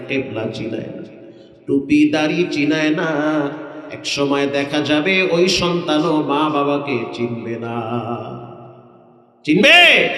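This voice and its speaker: A male preacher giving a sermon, with melodic chanting delivery, sudden loud rises and quiet drops. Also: fairly high pitch. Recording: echoey hall with long reverb.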